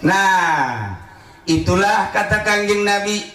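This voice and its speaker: A man giving a humorous Islamic sermon as a preacher, swinging between low solemn warnings and high joking asides. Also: animated, slow, pushed and bright. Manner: jokey, mimics congregation members, swings from low solemn to high laughing. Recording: echoey hall.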